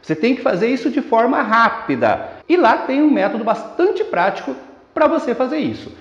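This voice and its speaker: A man with a Brazilian Portuguese accent teaching a poetry lesson for exam students, explaining step by step and slowing down to read verses aloud. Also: high-pitched. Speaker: literature teacher. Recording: roomy echo, dull lo-fi sound.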